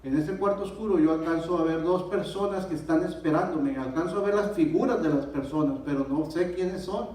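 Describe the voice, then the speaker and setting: A man with a Mexican accent giving a personal testimony in church, telling his story with lively, acted-out dialogue. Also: on the high side, a little fast, hardly any pauses. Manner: animated storyteller, acts out dialogue. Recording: echoey church hall, distant mic.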